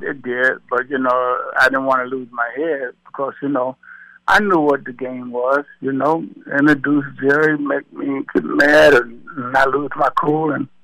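A man in his seventies, a retired boxer, talking slowly and easily in an interview, often repeating words. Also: medium pitch, gravelly, sharp tone, dry recording, poor audio. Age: 70s. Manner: slow, easygoing, repeats words. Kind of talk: casual phone interview.

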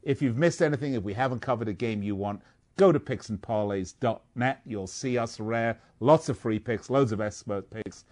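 A man's voice: medium pitch, normal speed, darkish tone. A man hosting a sports betting show, reading off stats and joking with his co-host. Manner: jokey, rattles off stats. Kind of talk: casual sports betting talk.

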